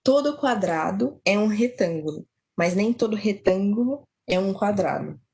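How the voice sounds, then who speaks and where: Husky young woman tutoring grammar. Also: medium pitch, expressive, moderate pace, darkish tone, low-quality recording. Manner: explains step by step, many "então" and "é" fillers. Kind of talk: online grammar lesson.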